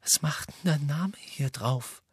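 A man's voice: a little high, slow, breathy edge, dry recording, studio quality, pitched above the performer's own voice. A man voicing a puzzled, weary teenage boy in an audiobook.

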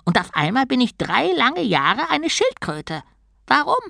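A woman's voice: high voice, sing-song, measured pace, creaky, a bit bright, dry recording, clean studio sound, voice pushed up, full character voice. A woman voicing a grumpy male god trapped as a small tortoise, indignant and sarcastic, in an audiobook. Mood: sorrowful. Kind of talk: audiobook character voice.

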